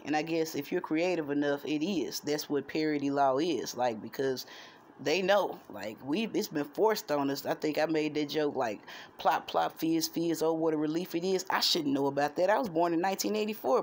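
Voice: medium pitch, gravelly. An adult around forty chatting casually to a phone at arm's length in a room at home, in a musing, digressive, jokey way. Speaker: vlogger and amateur songwriter. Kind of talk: casual rambling chat to camera. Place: small room at home, indoors. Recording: noisy handheld phone recording.

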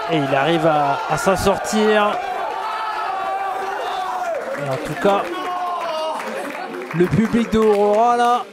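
A man giving excited live wrestling commentary, exclaiming as he calls the moves. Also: high voice, slow, pauses often. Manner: exclamatory, calling moves as they happen. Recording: loud crowd noise throughout. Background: roaring live wrestling crowd.

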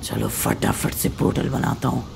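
A man voicing a menacing male ghost in a game video, deep and ominous with a gravelly tone. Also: moderate pace, darkish tone, slight background noise, natural voice.

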